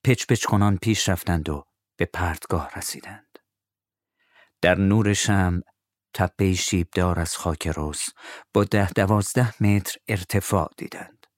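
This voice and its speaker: A man narrating a children's story, animated, dropping to whispers for suspense. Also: low-pitched, dry recording, studio quality.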